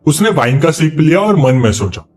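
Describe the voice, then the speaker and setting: A male storyteller recapping a drama. His fairly high voice moves up and down a lot, and he keeps the telling lively. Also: moderate pace. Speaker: narrator.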